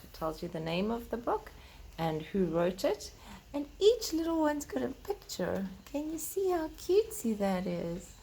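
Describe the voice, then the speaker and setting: The recording is rough, with a little hiss or hum, as a woman hosts a children's storytime, reading aloud and talking to the kids in simple, explanatory terms. Her voice is medium-pitched, creaky, and somewhat dark in tone.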